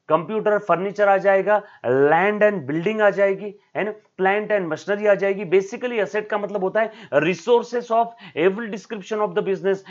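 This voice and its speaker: High-voiced Indian-English accounting teacher, lo-fi. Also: male voice. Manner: calls students "beta" and "my child", asks "yes or no?"; mixes Hindi with English terms. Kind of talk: recorded video lecture. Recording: dull lo-fi lecture recording.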